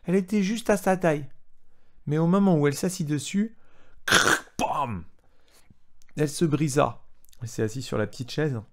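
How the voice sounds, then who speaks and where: Gravelly man reading a storybook to a child. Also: on the high side, a little fast, darkish tone. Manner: asks the child questions, retells in plain words.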